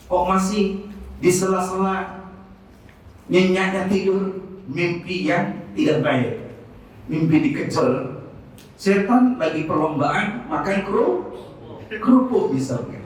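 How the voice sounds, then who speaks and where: A man teaching as a religious instructor, answering questions and reciting Arabic phrases with a melody. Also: sits high. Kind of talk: Islamic study talk, Q&A. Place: hospital hall. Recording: echoey hall, distant mic, faint noise.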